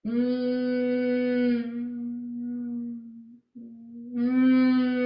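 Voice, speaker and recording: A woman instructor leads a gentle yoga and mindfulness class, giving calm, unhurried cues for movement and breath. Her voice sits at an ordinary middle pitch and tends to fade softly at the ends of lines. She is heard from some distance in a roomy, echoing studio. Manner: calm, gentle cueing with soft trailing endings. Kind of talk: guided movement and voice exercise class. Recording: echoey room, voice off-mic.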